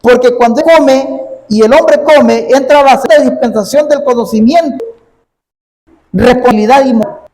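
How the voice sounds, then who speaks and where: High-voiced preacher in a reverberant hall. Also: male voice, a little slow, darkish tone. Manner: repeats phrases, punctuates with "amén" and "¿ves?". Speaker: pastor. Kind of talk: sermon. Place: church sanctuary. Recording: long reverb of a large hall.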